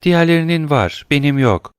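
A man's voice: fairly high pitch, expressive, brisk, smooth, no echo, studio quality, voice pushed up, natural voice. A man voicing a timid, obedient little girl in an audiobook, answering with short polite replies. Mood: meek. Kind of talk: audiobook character reading.

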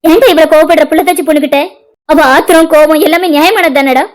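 A woman's voice: high-pitched, steady tone, fast talker, natural voice. A woman voicing a defensive middle-aged mother in a cartoon drama, pleading and justifying herself. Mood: soothing.

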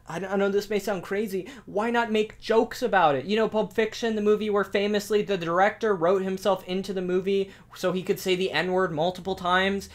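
Sarcastic man reviewing a cartoon. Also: sits high. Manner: sarcastic, mocking, animated. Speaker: video reviewer. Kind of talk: sarcastic commentary.

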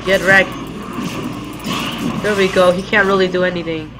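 A man's voice: high-pitched, flat delivery, normal speed, background noise. A young man with a sore throat giving casual commentary as he plays a video game.

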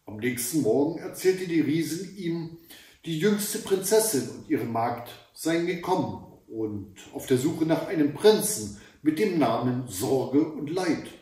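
A man reading a fairy tale aloud as a storyteller, calm and measured. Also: a little high. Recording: very echoey room, voice from far off.

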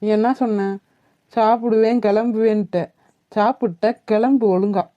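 A woman voicing a bossy, sharp-tongued girl in a cartoon, scolding and sarcastic. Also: a little high, steady tone, measured pace, natural voice. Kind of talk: cartoon voice acting. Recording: tinny phone-like, dry.

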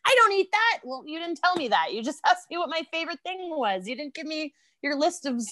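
An American woman with a high voice talks fairly quickly as a podcast guest, chatting casually and telling animated stories. She laughs often, and the recording has no echo.

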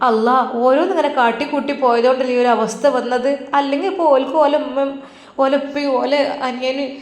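A woman voicing an affectionate older widowed grandmother who coaxes her granddaughter softly. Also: high voice, fairly even intonation, fairly quick, close to an everyday voice. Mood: tender, coaxing. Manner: soft coaxing, affectionate endearments. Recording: roomy echo.

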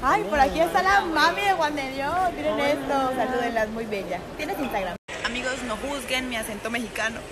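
A loud crowd surrounds a young adult woman from Antioquia, Colombia, who speaks briskly in a high-pitched voice with a paisa accent. She chats playfully in a casual selfie vlog, phone at arm's length, outdoors at a beach and later at a club.

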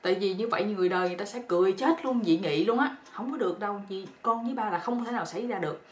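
A woman's voice: mid-range voice, racing, lightly acted. A woman voicing a timid, grieving young daughter-in-law who pleads tearfully. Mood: pleading. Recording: roomy echo with faint noise.

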